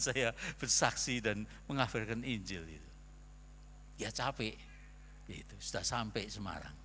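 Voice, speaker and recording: Gravelly older Javanese pastor. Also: male voice, medium pitch, fairly bright tone, slight background noise. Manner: chatty, rambling, ends phrases with fillers. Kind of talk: storytelling sermon. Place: church hall. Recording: long church hall reverb.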